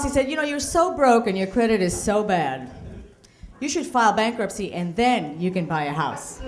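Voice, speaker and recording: A woman's voice: a little high, a bit bright. A middle-aged woman from Puerto Rico with a Puerto Rican accent performing a stand-up comedy set, with punchy delivery and Spanish asides. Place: comedy club stage.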